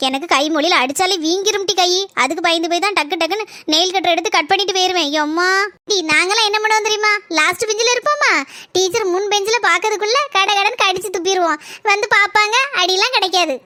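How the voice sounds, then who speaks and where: A mischievous schoolgirl from a cartoon, as a woman puts her on, bragging and teasing in a southern Tamil accent. Her voice is pitched very high and quick. The sound is dry and close. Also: bright, forceful tone, no room sound. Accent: southern Tamil (Tirunelveli–Kanyakumari). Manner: boastful, teasing chatter. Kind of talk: cartoon comedy voice acting.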